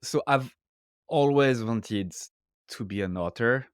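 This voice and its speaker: Slow and smooth, a mid-range male voice comes through clean studio sound with no room sound. He's a French author and podcast guest who speaks English as a non-native with a French accent, explaining ideas casually in interview talk and often checking in with "right?".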